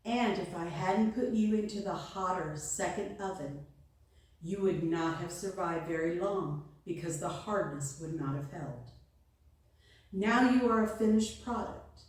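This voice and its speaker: A woman voicing a calm, patient male potter who speaks low and firm in a storybook tale. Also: heavy reverb, distant mic, natural voice.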